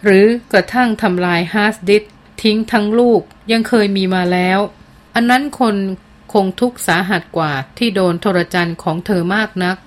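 A woman doing a gentle teenage girl. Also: mid-range voice, moderate pace, close to an everyday voice. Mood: consoling. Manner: soft, slightly trembling reassurance.

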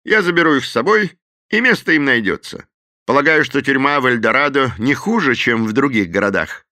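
A man voicing a confident male sheriff who speaks briskly and wryly. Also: mid-range voice, animated, pushed and bright, voice pushed up.

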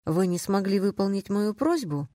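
A woman voicing a pampered, timid young female client who babbles in a soft, wounded tone, in a dry, close recording. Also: mid-range voice, lively intonation, normal speed, no echo, natural voice. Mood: plaintive.

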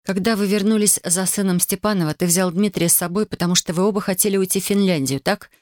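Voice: medium pitch, fast, dry recording, natural voice. A reader voicing a young Soviet wife, emotional and pleading, in a dry audiobook recording. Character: young tearful Soviet wife, loving yet wounded.

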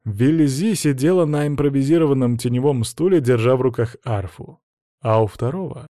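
A man narrating a fantasy romance audiobook in an even storytelling manner. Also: mid-range voice, moderate pace, dry recording, clean studio sound. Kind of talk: scripted narration.

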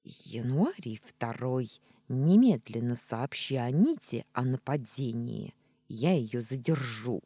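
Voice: mid-range voice, animated, takes it slowly, slightly rough, dry recording, exaggerated voice. A blustering talking tomcat, voiced by an audiobook reader. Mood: commanding. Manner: loud blustering threats and complaints. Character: big fluffy tomcat, belligerent and theatrical. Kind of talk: audiobook reading.

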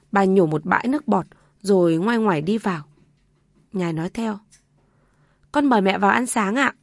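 Brief: female narrator, calm storytelling read, middle pitch. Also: dry recording, clean studio sound.

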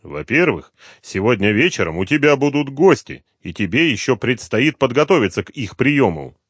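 A man reading an audiobook, voicing a calm, unflappable man who speaks levelly and with dry irony. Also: medium pitch, moderate pace, breathy edge, no echo, voice pushed up. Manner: calm, level, dryly ironic. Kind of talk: audiobook character voice.

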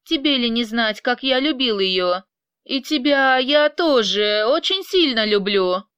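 A woman's voice: on the high side, animated, measured pace, a bit bright, smooth, dry recording, pitched above the performer's own voice. A woman voicing a possessive, obsessive man who talks in an insistent, menacing way. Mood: pleading.

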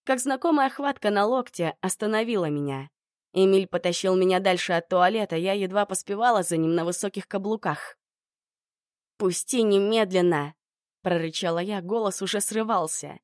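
A woman reading a first-person audiobook in an expressive, emotional way. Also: medium pitch, a little fast, no echo, clean studio sound. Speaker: audiobook narrator.

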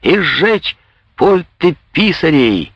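A man voicing a rowdy young male student who shouts mocking taunts in a raised, high voice. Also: sing-song, slow pace, creaky, no room sound, full character voice. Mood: jeering. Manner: loud, jeering, high shouts.

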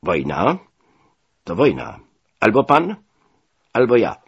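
A man's voice: extremely low pitch, big pitch swings, slow, breathy edge, heavily acted. A man voicing a furious American commodore, threatening and barking out English phrases, in a dull lo-fi recording.

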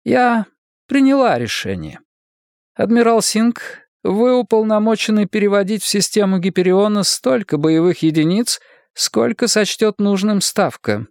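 A man voicing a stern woman head of government who speaks in a measured, authoritative way. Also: mid-range voice, lively intonation, no echo, studio quality, voice pushed up. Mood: commanding. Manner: measured, authoritative, quietly commanding. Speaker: political leader.

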